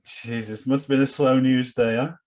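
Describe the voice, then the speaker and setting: A man's voice: mid-range voice, steady tone, normal speed, a little mellow. A man co-hosting a podcast, trading wry, teasing banter in casual chat. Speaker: podcast co-host.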